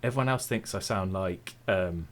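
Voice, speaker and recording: A young man with an English Midlands accent, a tech YouTuber appearing as an interview guest, speaks in a low voice at normal speed. He chats casually and easily, sounding relaxed and self-deprecating.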